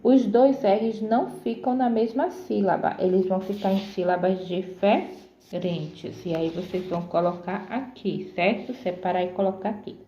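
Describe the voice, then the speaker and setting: A woman's voice: medium pitch, warm tone, roomy sound, highs cut off, a little hiss or hum. A woman teaching a grammar lesson to pupils, sounding out words syllable by syllable and checking in often. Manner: slow, careful syllable-by-syllable explanations with frequent "certo?".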